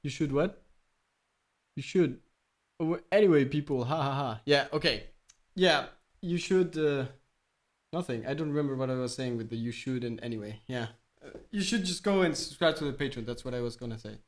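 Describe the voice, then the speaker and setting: A man's voice: mid-range voice, moderate pace. A man musician on a live stream, chatting casually between takes, rambling and self-deprecating and losing his train of thought.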